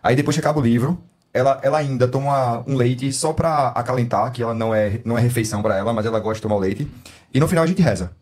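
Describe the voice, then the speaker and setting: Man, Brazilian Portuguese accent, mid-pitched voice, casual podcast chat, lively storyteller, laughs a lot. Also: quick pace. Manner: animated storyteller, laughs often, mimics his daughter. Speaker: podcast co-host.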